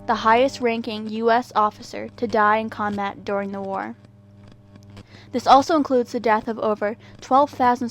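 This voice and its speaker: A woman's voice: on the high side, lightly acted. A woman playing a grave, formal 1940s wartime radio news anchor, reading a solemn scripted bulletin. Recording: noticeable background noise and hum.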